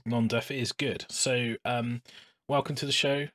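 A man's voice: mid-range voice, measured pace. A man hosting a podcast from his home hobby room, chatting casually with lots of fillers and restarts. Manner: relaxed and chatty, with frequent "um" and restarts. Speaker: podcast host.

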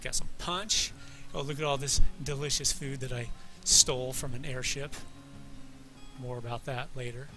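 A man's voice: medium pitch, steady tone, normal speed, pushed and bright, low-quality recording. A man hosting a guided video game tour in casual, improvised commentary, with playful, joking, self-deprecating asides. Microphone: desk microphone, voice-over on game footage. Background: game music.

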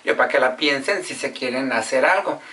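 Woman vlogger, bright and slightly high, somewhat distant mic, casual storyteller who acts out quotes. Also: fairly quick. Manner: repetitive, acts out quoted speech and sounds.

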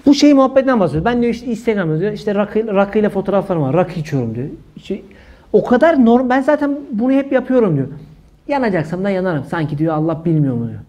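A man speaking in an indignant religious monologue, his voice sitting high for a man. He presses his points hard, repeating phrases and sprinkling in pious formulas. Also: big pitch swings, fast, dark tone. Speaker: religious commentator.

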